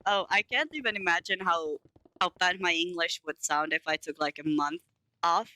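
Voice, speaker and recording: While building in a game, a young Finnish woman casually rambles to her live chat in lightly accented English, giggling and teasing herself. She speaks at a moderate pace with a low, bright, forceful voice, and the low-quality recording has no room sound.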